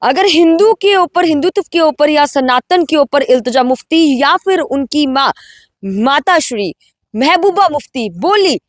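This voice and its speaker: A woman's voice: sits high, expressive, measured pace, no room sound, studio quality. A woman anchoring a news interview and putting pointed questions to her guest.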